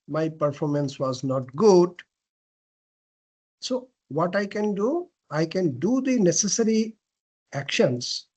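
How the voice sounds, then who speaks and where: Slow, high-voiced man lecturing a class. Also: a little mellow. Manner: asks and answers his own questions; frequent throat clearing and self-corrections. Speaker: lecturer on presentation skills.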